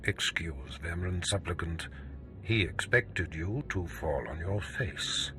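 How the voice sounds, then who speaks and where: In a scripted video game drama, a male actor with a low voice plays a stern, scheming Sith lord. His delivery is measured, imperious and menacing, with music in the background.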